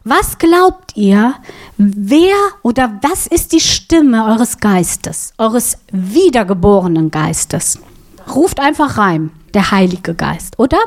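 A woman's voice: mid-range voice, takes it slowly. A woman preaching a sermon, teaching with a prop and asking her listeners questions. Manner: asks the audience questions, lively.

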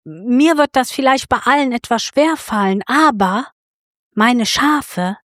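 Quiet, humble shepherd voiced by a woman, lowered voice, matter-of-fact. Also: expressive, slow pace, dry recording, clean studio sound. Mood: calm. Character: calm, humble older male shepherd.

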